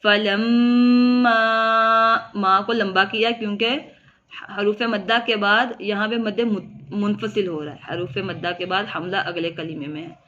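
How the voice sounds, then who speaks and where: A woman teaching tajweed. She explains each rule step by step and recites words slowly and drawn out. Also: mid-range voice, fairly even intonation, sharp tone, lo-fi sound. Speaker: Quran teacher. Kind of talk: tajweed lesson.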